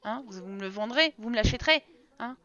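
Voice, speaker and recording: Bright-voiced woman streaming a life sim. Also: a little high, expressive, fairly quick. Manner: chatty, exasperated, talks to game characters and chat. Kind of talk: casual live game commentary. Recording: slightly dull stream audio with game music.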